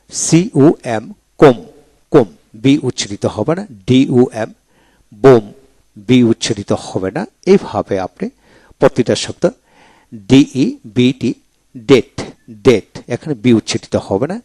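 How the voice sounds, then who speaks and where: A man teaching English pronunciation in a video lecture, spelling each word letter by letter and then repeating it slowly. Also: mid-range voice, a little mellow, dry recording.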